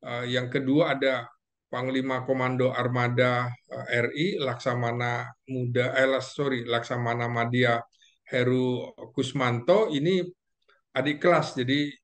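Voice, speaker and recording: A man who is a guest analyst in a casual discussion, going through names and facts methodically, with many pauses and fillers. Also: mid-range voice, flat delivery, a bit bright.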